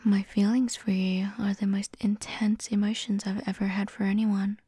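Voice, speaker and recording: A woman playing a doting, dominant young student in love, in a whispered role-play, speaking softly and teasingly right into the listener's ear. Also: mid-range voice, flat delivery, moderate pace, slightly rough, dry recording, clean studio sound, natural voice. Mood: tender, possessive. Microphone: very close, dry.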